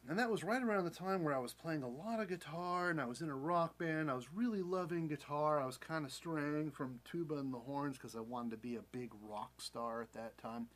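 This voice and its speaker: A man's voice: on the high side, a little fast, few pauses, a bit bright. An American man in his forties telling a personal story casually, rambling and candid, often doubling back to correct himself. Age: 40s. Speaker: vlogger.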